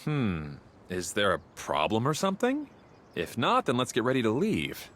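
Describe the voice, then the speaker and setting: A man's voice: mid-range voice, huge pitch swings, normal speed, very noisy. An actor playing an easygoing young man, a technical guide in a video game, casual and explanatory. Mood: reassuring. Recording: music behind the voice.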